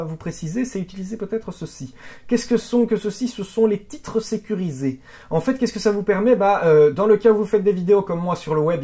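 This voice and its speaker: A video editing instructor giving a software tutorial, chatty, asking rhetorical questions and often restarting words. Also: medium pitch. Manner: chatty, with frequent "hop", "voilà" and "hein" fillers; asks rhetorical questions and answers them.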